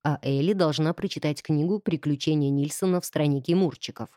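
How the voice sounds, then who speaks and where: Woman doing a stern cold count, low and bossy, clipped orders, dry close sound. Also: brisk, warm tone, no room sound, lightly acted. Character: arrogant aristocratic male count, cold and commanding.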